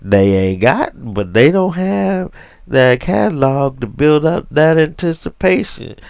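A man's voice: fairly high pitch, lively intonation, creaky, darkish tone, no echo, full character voice. A man doing a tipsy rambling old uncle. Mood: rambling, grumbling. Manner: rambling, slurred slang, drawn-out storytelling. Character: tipsy rambling older uncle, nostalgic and grumbling. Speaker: comic character on a podcast.

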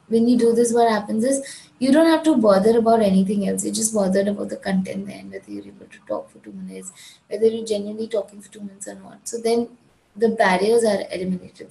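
Heard in an echoey room on a low-quality recording, the medium-pitched, gravelly, mellow voice belongs to a woman IELTS tutor from India. She delivers a speaking lesson in Gujarati-accented English, being firm and direct and repeating the essentials.

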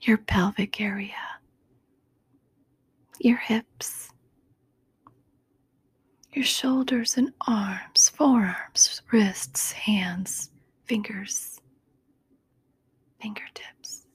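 Woman, host, breathy whisper, very slow, soothing sleep meditation, dry close condenser mic. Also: medium pitch, fairly even intonation, no room sound. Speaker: podcast host. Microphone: USB condenser microphone.

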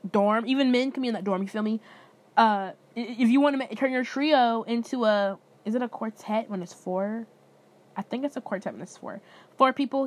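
Slangy young woman podcast host. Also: on the high side. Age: 20s. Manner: loose, slangy and profane, addresses listeners as y'all. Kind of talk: casual solo podcast chat.

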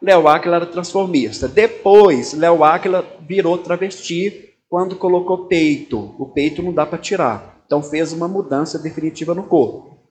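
Chatty Brazilian pastor, higher-pitched man. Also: moderate pace, a little mellow. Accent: Brazilian Portuguese. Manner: conversational, keeps turning to listeners with tag questions. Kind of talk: informal talk to an audience.

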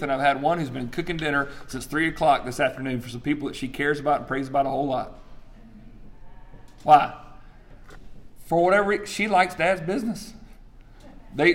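A pastor in his forties with a somewhat high male voice, preaching with emphatic storytelling. He often throws questions to the congregation and answers them himself. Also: fairly bright tone. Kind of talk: sermon.

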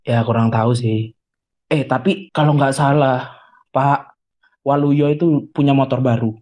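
A man's voice: mid-range voice, fairly even intonation, a little slow, a little mellow. A man bantering playfully, full of teasing innuendo, in an improvised comedy skit.

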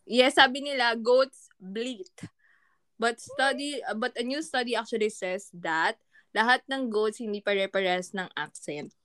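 A woman's voice: fairly high pitch, measured pace, a bit bright, dry recording, clean studio sound. A Filipino woman in casual chat, telling fun facts in a playful, giggly way. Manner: giggly, playful, mimics goat bleats. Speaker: co-host sharing fun facts.

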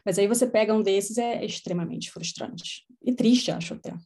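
A middle-aged child psychologist shares stories from her practice during a podcast conversation, animatedly acting out what people told her. Her voice sits at a medium pitch and moves at a moderate pace.

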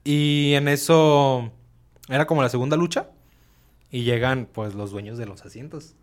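Young mexican guy in casual chat, lively storyteller, does little voices for people, mid pitch. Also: normal speed. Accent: Mexican Spanish. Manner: animated storyteller, acts out quoted people, laughs often.

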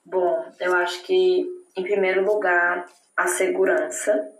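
Interviewee: chatty woman from northern Brazil, low-pitched, echoey room. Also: little pitch movement, unhurried. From Tocantins, northern Brazil. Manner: chatty, many "né?" tags. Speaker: interviewee living in Germany. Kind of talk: casual interview chat.

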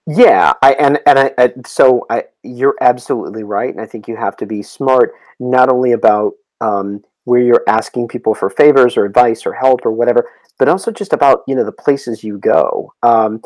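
A man who is a guest on a podcast, telling travel stories in a halting way with many restarts. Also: medium pitch, darkish tone, no room sound, poor audio. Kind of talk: casual podcast interview.

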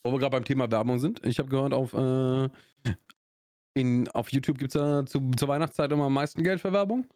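A young man from Augsburg in Swabia, Germany, with a Swabian German accent, co-hosts a podcast in a loose, rambling casual chat full of fillers and restarts. His medium-pitched voice is brisk and a little mellow, with no room sound.

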